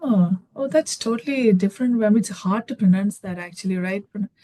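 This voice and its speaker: A woman's voice: mid-range voice, fairly quick, warm tone. Hesitant woman from Kerala chatting. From Kerala, India. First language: Malayalam. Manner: hesitant, many fillers and restarts. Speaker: conversation partner. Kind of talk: casual chat.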